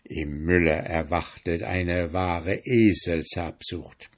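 Male fairy-tale narrator, low-pitched, unhurried, measured reading. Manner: slow, measured storytelling.

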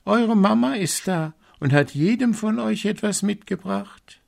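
A man's voice: sits high, lively intonation, unhurried, vocal fry, darkish tone, pitched above the performer's own voice, full character voice. A man doing a sly disguised wolf. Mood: coaxing. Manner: sly coaxing, then threatening. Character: cunning evil male wolf, disguising his voice.

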